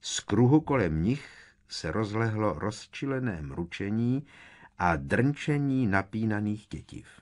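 A man reading an audiobook in a dramatic, expressive narration style. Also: lowish voice.

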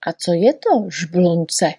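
A woman's voice: lowish voice, very animated, warm tone, slightly rough, no room sound, clean studio sound, full character voice. A woman voicing a fussy little male poet in a storybook reading, patiently explaining and correcting. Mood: lecturing.

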